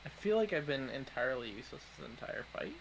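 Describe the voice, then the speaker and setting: A man's voice: medium pitch, big pitch swings, quick pace, creaky. A man playing a tabletop game, hesitant and full of ums and restarts. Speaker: player. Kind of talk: casual tabletop game chat. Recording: noisy recording.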